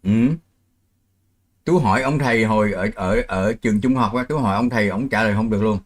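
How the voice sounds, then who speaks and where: A man's voice: on the low side, a little fast. A middle-aged man from Vietnam, hosting a live stream in casual chat, explaining with worked examples and laughing easily.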